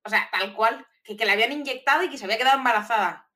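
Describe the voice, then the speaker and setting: A woman's voice: fairly high pitch, rapid-fire, sharp tone. A woman, co-hosting a podcast in casual, enthusiastic chat.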